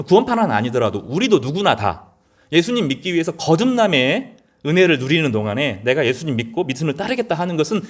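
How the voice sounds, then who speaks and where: A middle-aged male pastor giving a sermon in an earnest, conversational way, often rising to emphatic peaks. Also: on the high side.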